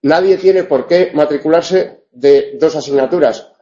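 A man's voice: on the high side, unhurried, dark tone, highs cut off. A man teaching a university class, wry and digressive, often restarting his sentences. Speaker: university tutor. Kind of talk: classroom lecture with questions.

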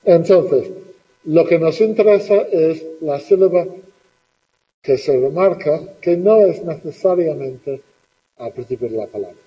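A man's voice: on the high side, expressive, measured pace, big-room sound, lo-fi sound. A middle-aged man teaching a classroom lesson, patiently asking questions and repeating the students' answers.

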